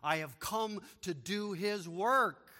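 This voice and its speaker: A man preaching an expository sermon as a pastor, moving from quiet explanation to loud, emphatic proclamation. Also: high voice, slow. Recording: long reverb of a large hall.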